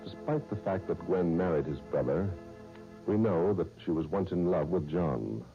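A man announcing a 1930s radio serial in a smooth, measured announcer style, heard as an old radio broadcast. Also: deep voice, animated. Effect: old radio broadcast sound. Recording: dull old radio recording, faint music.

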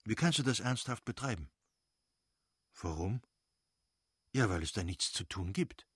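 A man's voice: lowish voice, expressive, measured pace, breathy edge, no echo, clean studio sound. A man voicing an earnest, blunt young landowner. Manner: earnest, blunt, easily flustered.

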